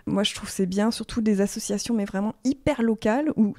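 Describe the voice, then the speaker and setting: A woman's voice: medium pitch, fairly quick, a little mellow. A woman from Alsace, a choir founder and conductor, talking in a chatty interview with many fillers and restarts. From Alsace, France. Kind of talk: casual interview chat.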